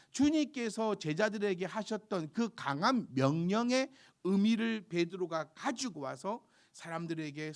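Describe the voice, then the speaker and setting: A man preaching a sermon, emphatic and exhorting, breaking into soft asides. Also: high voice. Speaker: pastor.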